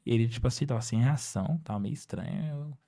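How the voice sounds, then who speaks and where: Young man, warm mellow voice, quick animated testimony. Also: medium pitch, vocal fry. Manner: animated, peppers speech with slangy address to listeners. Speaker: evangelist sharing a testimony. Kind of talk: casual testimony storytelling.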